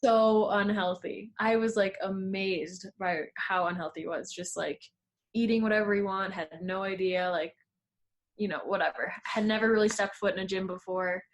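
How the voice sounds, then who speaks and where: A woman's voice: mid-range voice, fairly even intonation, moderate pace. Chatty young woman, lots of "like". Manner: chatty, many "like" fillers, laughs easily. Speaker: guest, fitness coach and former pro skier. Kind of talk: casual interview chat.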